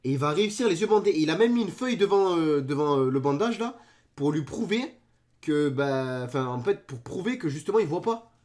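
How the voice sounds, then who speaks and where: A young man giving excited reaction commentary on videos, joking and exclaiming in disbelief. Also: a little high, brisk.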